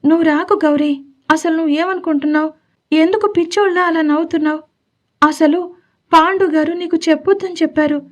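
A woman's voice: extremely high pitch, steady tone, brisk, voice pushed up. A woman voicing a sulky young wife. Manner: pouting, scolding.

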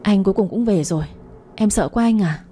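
A woman's voice: medium pitch, a little fast, warm tone, a little hiss or hum, close to an everyday voice. A woman voicing a scheming middle-aged wife in a radio story, speaking in a whimpering, pleading way as she feigns helpless distress. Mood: tearful pleading.

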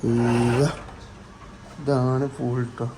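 A man's voice: mid-range voice, little pitch movement, very slow. A man with a Malabar Malayalam accent chats casually as a travel vlogger, mixing in English words and repeating exclamatory slang. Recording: noisy handheld vlog with background ambience.

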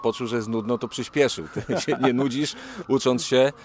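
A middle-aged radio reporter asking long, rambling questions with repetitions, outdoors at a stadium into a handheld mic. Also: male voice, medium pitch, steady tone, normal speed, slight background noise. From Poland. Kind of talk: interviewing.

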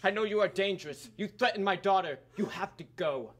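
A man's voice: high-pitched, a little fast. A young man acting a stern, commanding king on stage, speaking harshly and with authority. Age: young adult. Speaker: student stage actor.

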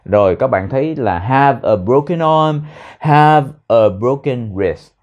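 A man with a Vietnamese accent teaching an English lesson, repeating words slowly to drill pronunciation. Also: medium pitch, lively intonation, a little mellow, muffled recording. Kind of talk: language lesson explaining phrases.

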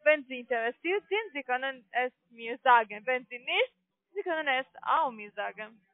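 Over a tinny narrowband phone line, a high-pitched woman with lively intonation and no echo delivers a scripted cold-call sales pitch. German isn't her first language, so her accented speech is halting and non-native as the call centre agent insistently questions a customer.

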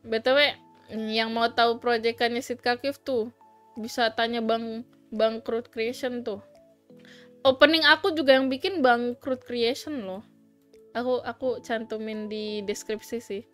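Chatty woman streamer, kinda high voice, giggly and teasing, soft music going behind her. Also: fairly even intonation, measured pace, clean tone. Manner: chatty, giggly, reads chat aloud; playful, teasing, mixes in English. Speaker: livestream host. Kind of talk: casual chat.

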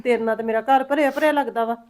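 Playing a caring, fussy middle-aged mother-in-law in a family drama, the actress coaxes, pries and scolds in rapid-fire delivery. The voice is a little high, steady and a little mellow, only lightly acted.

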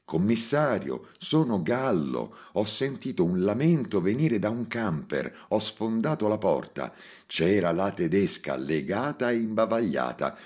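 A man's voice: on the low side, big pitch swings, a little slow, darkish tone, husky, pitched above the performer's own voice, full character voice. A man doing a panicked young policeman.

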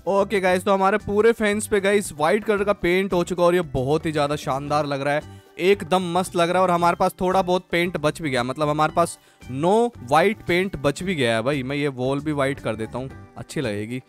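A man's voice: a little high, brisk, faint music behind. A man giving casual, chatty commentary over his farming game, constantly addressing his viewers as friends. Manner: chatty, keeps calling viewers "guys" and "bhai". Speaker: gaming channel host.

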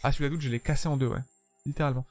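A man's voice: mid-range voice, fairly even intonation, very fast, warm tone, soft background music. A tired man chatting casually with his viewers while streaming a game, joking and swearing freely. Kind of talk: casual live-stream commentary while playing.

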